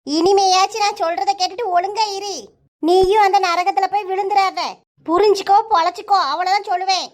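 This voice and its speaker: A voice actor playing a scolding village mother in a cartoon, speaking with a Kanyakumari Tamil accent in a sharp, threatening manner. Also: steady tone, a little fast. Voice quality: high, pitched-up cartoon voice. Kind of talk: cartoon voice acting.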